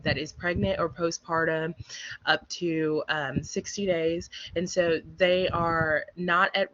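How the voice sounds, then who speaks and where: A woman with a hoarse, raspy, strained voice gives an explanatory presentation as a prevention specialist, speaking haltingly. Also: lowish voice, fairly bright tone, no room sound. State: hoarse, losing her voice. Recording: dull, muffled online call audio.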